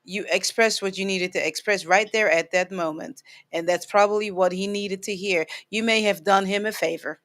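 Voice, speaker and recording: Woman healer on a live stream, reassuring, laughs a lot, repeats herself to make the point, mid pitch. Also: steady tone, normal speed, few pauses, a bit bright. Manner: reassuring, laughs often, repeats phrases for emphasis. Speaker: sound healer hosting a live session. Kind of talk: live spiritual counseling chat.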